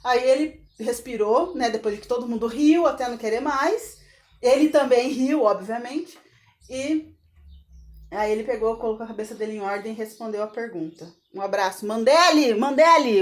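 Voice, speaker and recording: A middle-aged woman tells a story in a relaxed, conversational way. Her voice sits a little high, and it leaps up sharply when a moment gets dramatic. She often breaks off for quick laughing asides. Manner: animated retelling with sudden pitch jumps and laughing asides. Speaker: podcast host. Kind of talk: casual storytelling.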